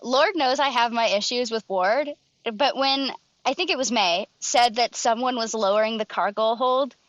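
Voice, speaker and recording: A woman's voice: on the high side, normal speed, a bit bright, no room sound, muffled recording. Earnest gushing woman podcaster. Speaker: podcast co-host. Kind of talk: casual recap chat.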